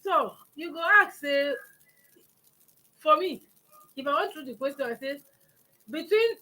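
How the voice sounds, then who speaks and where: A woman's voice: sits high, lively intonation, a little slow, sharp tone, poor audio. A woman with a Nigerian accent hosting a conversational talk, acting out examples as she explains. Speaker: talk show host.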